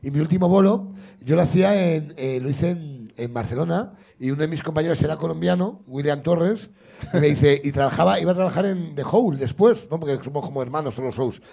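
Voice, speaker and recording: A man with a rough, gravelly voice that sits high for a man. He tells a comic anecdote in casual chat, animated and lively, jumping into the voices of the people in his story. His tone is husky rather than clean. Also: brisk. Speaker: comedian host.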